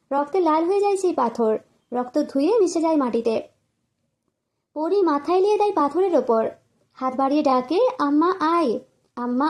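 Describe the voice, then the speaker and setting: A woman tells a grief-filled story in audiobook narration. Her voice is high and clear, her pace measured and mournful. Each line lands with quiet sorrow.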